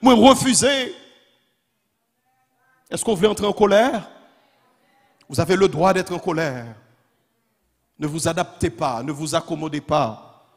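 A man's voice: a little high, moderate pace, long pauses. A man preaching a fiery sermon as a pastor, repeating his calls in a rising, insistent cadence. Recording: long hall reverb.

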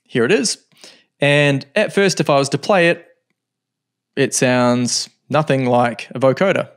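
Explaining a piece of music software in stages, a middle-aged man keeps a laid-back tone and pauses to gather his thoughts. His voice is mid-range, and he's recording from a desk in a home studio.

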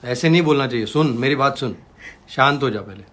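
A man playing a patient boyfriend in a comedy sketch, who keeps gently telling his girlfriend to calm down. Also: mid-range voice, brisk, natural voice. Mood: soothing.

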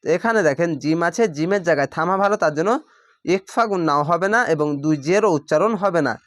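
Male teacher with a Bangladeshi Bengali accent, high voice, dry close mic, patient, repeats every rule. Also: dry recording. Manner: patient, repeats rules, drawls out words slowly. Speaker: Quran reading teacher. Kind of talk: step-by-step recitation lesson.

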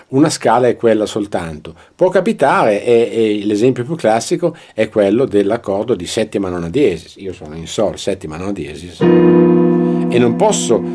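A man with an Italian accent teaching a piano lesson, pausing often and demonstrating scales at the keyboard. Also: on the low side. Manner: explains slowly with fillers, demonstrating at the keyboard. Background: piano playing.

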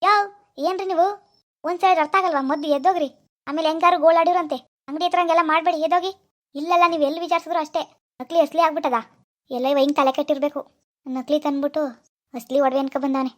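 An irritable, bossy pawnbroker voiced by a woman scolds a customer in a cartoon. The voice runs very high and rattles along at a breakneck pace. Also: steady tone, fast, pauses often, close to an everyday voice. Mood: scolding. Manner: scolding, impatient, threatening. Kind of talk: animated cartoon dialogue.

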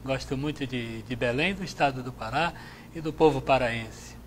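A middle-aged man, a Jesuit priest from Salvador, answering interview questions in a measured, reflective way on a lapel mic in a TV studio. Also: mid-range voice, slight background noise. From Salvador, Bahia, Brazil. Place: TV studio with chapel set.

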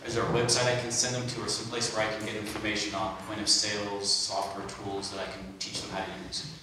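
Male audience member, low voice, quick direct question, distant and echoey. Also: monotone. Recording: echoey hall from far off, noisy.

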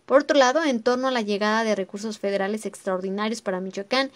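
A woman's voice: mid-range voice, fast. Woman reading a formal news report. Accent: Mexican Spanish. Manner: steady formal delivery.

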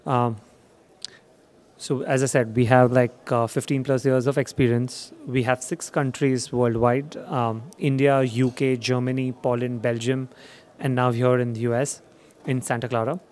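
Speaking a little slowly in a level, medium-pitched, darkish voice, this young man presents his company in a dim demo theater at a trade show. The sales pitch comes out hesitant and packed with fillers.

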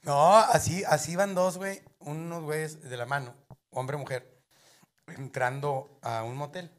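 A man's voice: on the high side, fairly even intonation, measured pace. A male comedian from Mexico with a northern Mexican accent, telling rowdy, profane jokes. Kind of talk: telling off-color jokes on a show.

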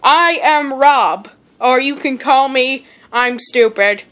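A woman's voice: high voice, slow, a bit bright. A woman voicing a male robot awkwardly pretending to be human, talking in a stiff, formal way in a homemade toy skit. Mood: stiff, proud.

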